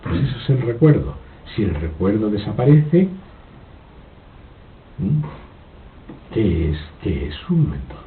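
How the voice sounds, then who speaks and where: A man giving a slow, reflective philosophical talk, halting and repeating his words, with frequent rhetorical questions. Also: big pitch swings, far from the mic. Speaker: spiritual speaker giving a talk. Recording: old lo-fi tape, phone-like, noisy with rumble.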